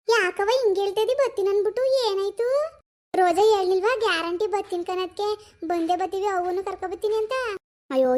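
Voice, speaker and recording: A woman's voice: extremely high pitch, darkish tone. A woman voicing a fretful older village mother in a cartoon, sighing and chattering. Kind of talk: animated cartoon voice acting.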